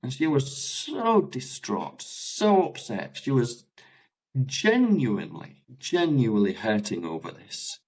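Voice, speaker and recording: A man's voice: medium pitch, slow pace, rough recording. An English man, a life coach, telling stories in casual conversation, acting out the dialogue. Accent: British English. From England. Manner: animated, acts out quoted dialogue with laughs. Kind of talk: conversational storytelling.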